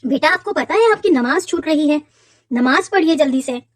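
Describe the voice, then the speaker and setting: A woman playing a gentle, pious mother who patiently teaches her son. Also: sits high, lively intonation, moderate pace, dry recording. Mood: gently teaching. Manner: patient, warmly instructive. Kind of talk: children's moral short film acting.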